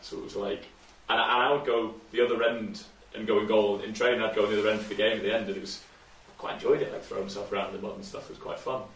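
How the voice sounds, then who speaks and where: Low-voiced man, roomy distant sound. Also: little pitch movement, rapid-fire, few pauses, fairly bright tone. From Shrewsbury, England. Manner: hesitant, rambling storytelling with many fillers. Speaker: guest footballer. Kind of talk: casual interview. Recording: roomy room, distant mic, faint noise.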